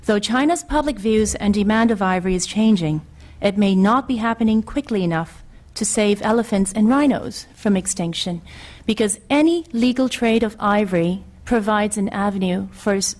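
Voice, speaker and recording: A middle-aged woman from Hong Kong, testifying before a legislative committee and reading a prepared statement in an earnest, formal, measured way. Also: mid-range voice, darkish tone.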